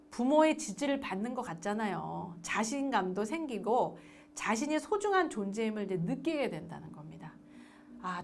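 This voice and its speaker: Lady teaching a parenting class, kinda high voice, bounces all over the place, throws questions at the room. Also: a little hiss or hum. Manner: lively, acts out parent-child dialogue; asks the audience questions and answers them. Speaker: adoption education lecturer. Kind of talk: recorded parenting lecture.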